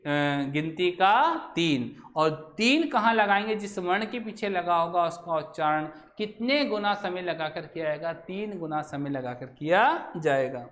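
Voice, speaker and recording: A man's voice: high-pitched, lively intonation, unhurried, few pauses, a bit bright, slight background noise. A male teacher explaining a grammar lesson while writing on a board, who asks his students questions and then answers them himself.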